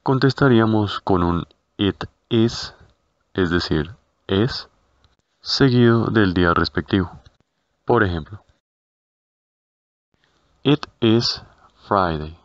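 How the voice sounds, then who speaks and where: A man narrating a scripted language lesson, speaking slowly and carefully and repeating each word. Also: low voice, lively intonation, dry recording. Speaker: language teacher. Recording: dull, lo-fi.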